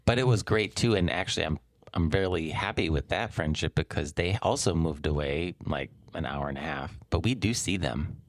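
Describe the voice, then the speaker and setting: A man co-hosting a podcast, his voice very deep and low. He reminisces in a jokey way, with self-deprecating asides. The recording is dry and close-miked. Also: animated, moderate pace, dry recording. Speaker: podcast co-host. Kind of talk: casual chat.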